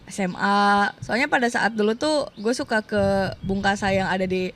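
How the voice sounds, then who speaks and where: A woman's voice: mid-range voice, moderate pace, a bit bright. Chatty woman telling a story with faint background noise. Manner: chatty storyteller, acts out quoted voices, laughs often. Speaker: podcast guest. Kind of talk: casual podcast chat.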